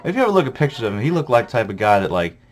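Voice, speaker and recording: A man hosting a comedic history vlog speaks very fast in a sing-song, medium-pitched voice, faint music behind him. Buzzing on coffee, he races profanely through a list of presidents, rambling and full of fillers.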